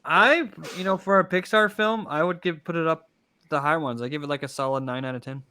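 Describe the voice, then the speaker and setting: Male panelist, fast clear voice, dry sound, playful humor. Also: a little high, sharp tone, no room sound. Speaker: podcast panelist. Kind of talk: casual chat.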